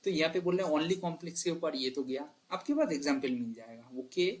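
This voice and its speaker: Here the same kind of exam walkthrough comes from a male math teacher with a rather high, sing-song voice who talks fast. Addressing students directly with "bhai" and "clear?", he reasons out loud, checks in frequently, and stops to fix his own mistakes.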